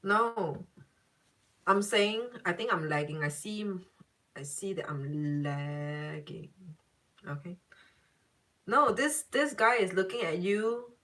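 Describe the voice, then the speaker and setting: A woman gives a casual live-stream psychic reading, chatty and emphatic, circling back to repeat her points and breaking into laughter. Her mid-low voice comes across a little distant from the microphone. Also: animated, slow, long pauses, a bit bright. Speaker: tarot and psychic reader answering live viewers.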